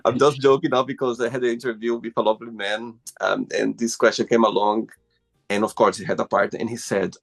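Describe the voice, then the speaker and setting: A man's voice: medium pitch, level tone, fairly quick, creaky, faint music behind. Playful male host asking questions. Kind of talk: casual interview conversation. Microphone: video call.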